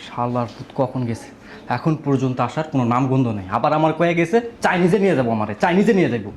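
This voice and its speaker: A man's voice: medium pitch, lively intonation, fast talker, darkish tone, slight background noise, lightly acted. A man playing an annoyed young friend who scolds and swears. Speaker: flat owner friend.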